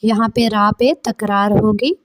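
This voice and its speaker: A woman's voice: medium pitch, steady tone, no echo. A woman teaching Quran recitation, explaining each sound step by step and demonstrating it. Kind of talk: tajweed lesson.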